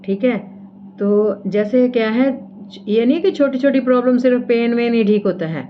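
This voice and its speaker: A woman from India, her voice on the high side at a moderate pace, teaches acupressure while demonstrating each step. She frequently checks on viewers and leans on "theek hai" throughout the casual lesson. The recording has cut-off highs and a little hiss or hum.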